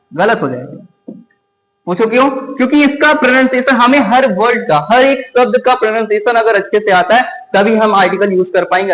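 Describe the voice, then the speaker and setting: A man teaching an exam-prep grammar lesson in a fairly high voice, firing questions at the class and answering them himself. He repeats key words slowly to drive them home. The sound rings with a long, hall-like reverb. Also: fairly bright tone. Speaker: English teacher.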